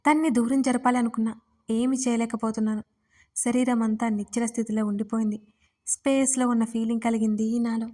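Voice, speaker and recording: A woman narrating her own first-person romance story in a steady, intimate reading. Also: on the high side, brisk. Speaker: writer and narrator.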